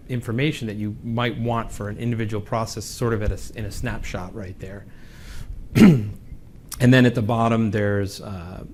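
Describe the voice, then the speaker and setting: A man presenting a technical session at a conference, relaxed and joking, with some fillers. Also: lowish voice, slight background noise. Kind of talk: conference tech talk. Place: conference room.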